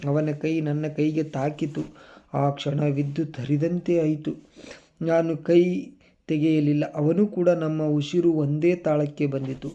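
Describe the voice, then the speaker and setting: A man narrating a first-person story in a calm, measured and emotive way, as the channel's storyteller. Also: a little high, muffled recording.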